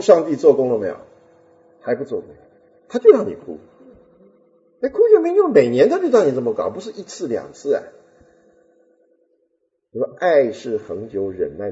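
A man giving a sermon in an animated way, his pitch swinging widely as he asks his listeners questions and answers them himself. He laughs easily and tells stories with folksy humor. His voice is warm and mellow, heard on a muffled, lo-fi recording. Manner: chuckles often, folksy humor. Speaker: preacher. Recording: dull lo-fi recording.

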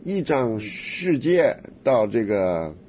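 Man, radio host, animated pitch, teasing, dull lo-fi sound, faint hiss. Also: slow. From Henan, China. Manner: lively, teasing, laughs often.

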